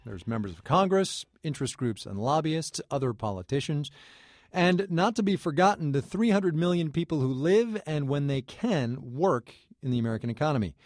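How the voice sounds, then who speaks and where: A man hosting a radio news program, asking a panel of guests questions in a measured, conversational way. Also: a little high, expressive, a little mellow, no room sound, soft background music. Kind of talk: broadcast panel interview.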